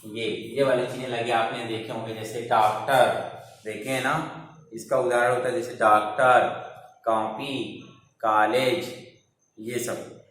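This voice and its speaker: A man teaches a grammar lesson at a slow, unhurried pace, asking his pupils questions and then answering them himself. He repeats each term so they can learn it. His voice sits back from the mic in a very echoey room with faint noise behind him. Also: mid-range voice, flat delivery, fairly bright tone, distant mic. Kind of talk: online Hindi grammar lesson. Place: classroom.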